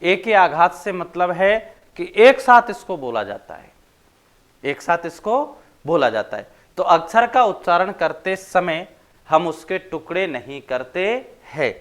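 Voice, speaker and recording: A male teacher from Rajasthan giving a grammar lesson, dictating notes slowly and repeating points, then quizzing his students. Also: sits high, animated, a bit bright. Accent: Rajasthani Hindi. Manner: slow, repetitive dictation with questions to students.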